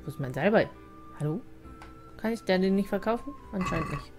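Lively German woman playing a game. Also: mid-range voice, a little fast, soft background music. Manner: chatty, playful, talks to characters. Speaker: let's play host. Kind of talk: casual gameplay commentary.

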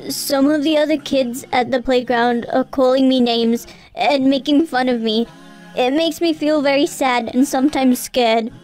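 A woman's voice: high voice, steady tone, moderate pace, darkish tone, soft background music, lightly acted. A woman voicing a shy, downcast young schoolboy in a children's cartoon, hesitant and meek. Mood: sad, worried. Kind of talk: children's educational cartoon acting.

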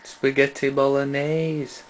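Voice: medium pitch, level tone, takes it slowly. An adult with a Yorkshire accent in a casual chat with a small child, asking simple questions and echoing the answers. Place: small bedroom indoors. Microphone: camera mic, speaker off camera.

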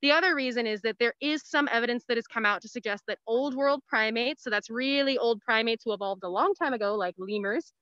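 A woman's voice: a little high, a little fast, few pauses, fairly bright tone, no echo. A woman speaking through a face mask as an educator on an informal virtual tour, explaining things in plain words. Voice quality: slightly muffled by a face mask. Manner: explanatory, plain-worded asides. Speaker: animal care educator giving a virtual tour. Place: outdoors in woodland, on a video call. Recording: slightly dull video-call audio.

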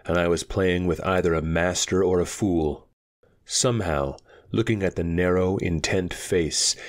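Man reading a fantasy tale, really deep voice, slow and steady. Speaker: audiobook reader. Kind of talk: scripted fantasy narration.

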